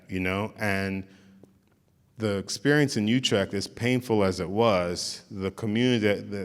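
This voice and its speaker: A man's voice: low voice, in a large hall. A man giving an informal storytelling talk as a visiting artist, often restarting and saying "like". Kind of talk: storytelling lecture to an audience.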